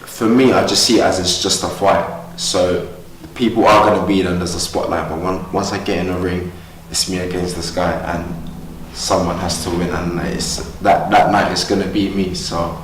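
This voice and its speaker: A man's voice: low voice, little pitch movement, moderate pace, reverberant, far from the mic, slight background noise, poor audio. A young man from Ghana, a boxer, talking earnestly and upbeat in a casual interview at a boxing gym. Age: young adult. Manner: earnest, upbeat, talks freely.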